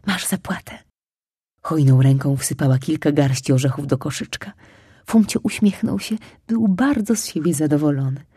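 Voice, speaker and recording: A woman reading a children's story aloud in a lively, soft, expressive way, sometimes whispering. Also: low voice, moderate pace, slightly rough, dry recording, clean studio sound.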